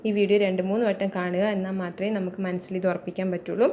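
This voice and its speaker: A woman teaching young children, slowly repeating each word so they can learn it. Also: on the low side, level tone, dark tone, slight background noise. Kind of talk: children's vocabulary lesson.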